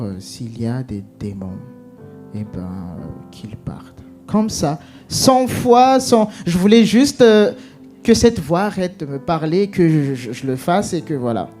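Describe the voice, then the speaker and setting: A man with a mid-range voice gives an emotional account of his own experience. He halts often, restarts and uses many fillers, and he acts out what was said.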